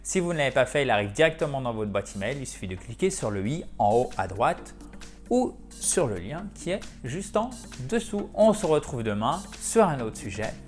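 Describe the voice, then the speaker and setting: Male English teacher, animated, bilingual, drills pronunciation by repetition. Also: mid-range voice, moderate pace, soft background music. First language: French. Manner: lively, switches between French and English, repeats words for pronunciation. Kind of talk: online English lesson.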